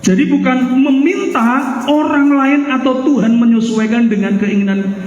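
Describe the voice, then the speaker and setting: High-voiced pastor preaching in an echoey hall. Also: male voice, moderate pace. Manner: animated preaching, mimics a crying baby with loud outbursts; addresses the congregation as "saudara". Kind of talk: sermon. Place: church hall. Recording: echoey hall, long reverb.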